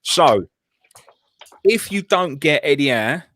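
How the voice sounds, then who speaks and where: A man's voice: a little high, animated, slow pace, a bit bright. A man hosting a casual football discussion, putting questions to a guest. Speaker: stream host.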